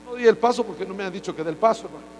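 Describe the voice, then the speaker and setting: A man's voice: high-pitched, rapid-fire, darkish tone. A man preaching a sermon as pastor. He preaches with joking asides and acts out quotes. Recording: hall reverb with faint mains hum.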